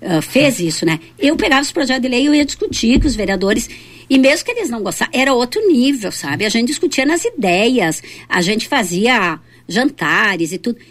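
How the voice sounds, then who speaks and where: A middle-aged woman from southern Brazil with a Rio Grande do Sul accent, a city councillor reminiscing in a relaxed interview and tagging her sentences with questions. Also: fairly high pitch, normal speed. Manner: reflective, tags sentences with "né?". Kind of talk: casual reminiscing conversation.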